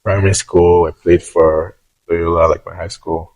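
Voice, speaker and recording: A young man from Nigeria, a founder guest in an interview, speaking modestly and relaxed, with many fillers. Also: deep voice, moderate pace, dry recording, rough recording. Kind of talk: casual interview chat.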